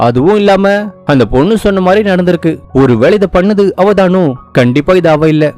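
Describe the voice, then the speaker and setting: A man narrating a drama recap, lively, reading out all the dialogue himself. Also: sits high, fairly quick, soft background music.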